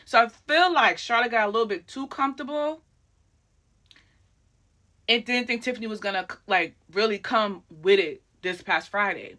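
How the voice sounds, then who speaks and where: A woman hosting a casual wrestling recap, talking in a chatty, excitable way full of fillers. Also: fairly high pitch, moderate pace.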